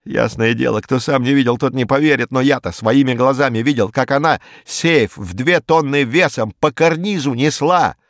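A man narrating an audiobook in an even, measured storytelling manner. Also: medium pitch, no room sound, studio quality. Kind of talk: audiobook reading.

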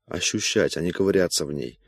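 A man voicing a weary, bitter middle-aged scientist in an audiobook, speaking slowly and dismissively. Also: deep voice, creaky, no room sound. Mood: brooding. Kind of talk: audiobook character voice.

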